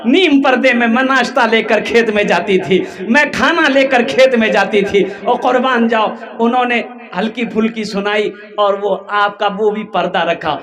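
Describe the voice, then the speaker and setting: A male Islamic preacher with a Kolkata Hindi-Urdu accent, telling a moral story in a sermon and acting out the characters' voices with big jumps in pitch. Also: moderate pace, few pauses, a crowd in the background.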